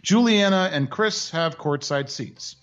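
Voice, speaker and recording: A man's voice: on the high side, a little slow, fairly bright tone. A man hosting a commentary show, narrating with dry, mocking asides. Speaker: commentary host. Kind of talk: sarcastic commentary. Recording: dull lo-fi audio.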